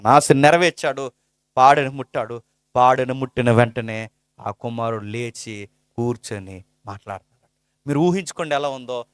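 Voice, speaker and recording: A male preacher delivering a sermon with passion, firing rhetorical questions and swinging between hushed, low lines and loud, soaring ones. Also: normal speed, smooth, dry recording, clean studio sound.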